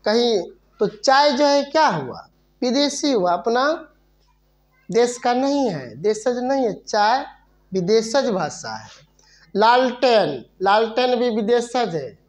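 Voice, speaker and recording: Slow-speaking woman teaching grammar. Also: a little high, animated, darkish tone. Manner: slow, repeats words, asks and answers own questions. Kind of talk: Hindi grammar lesson.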